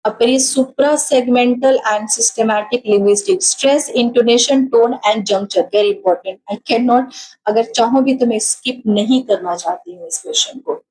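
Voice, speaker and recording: A tired woman with an Indian accent teaching an exam-prep lecture, mixing Hindi and English, slow over definitions and quick in her explanations. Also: a little high, darkish tone, rough recording.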